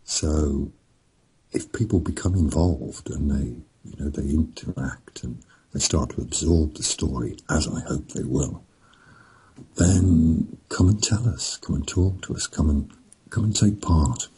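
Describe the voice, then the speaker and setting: A middle-aged man with a very low, gravelly voice that sounds husky and dark. He talks slowly and rambles through his stories, chuckling as he goes, in a relaxed, casual chat. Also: rough recording. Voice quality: very deep gravelly voice. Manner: slow, rambling, chuckling storyteller. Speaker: author and podcast guest.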